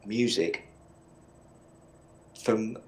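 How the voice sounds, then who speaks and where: Speaking very slowly in a lowish voice, a middle-aged podcast co-host with a Northern English accent rambles through stories in casual chat. His manner is blunt, and he swears without restraint.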